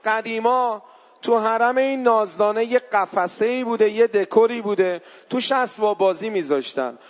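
A man telling a mourning story as a sermon, voicing the people in it, then rising into a wailing chanted lament. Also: sits high. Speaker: eulogist preacher.

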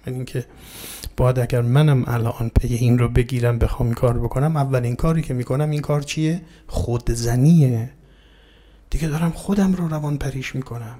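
A man's voice: medium pitch, mellow. A man giving an explanatory religious talk. He poses rhetorical questions, answers them himself, and addresses his listeners politely. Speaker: religious lecturer.

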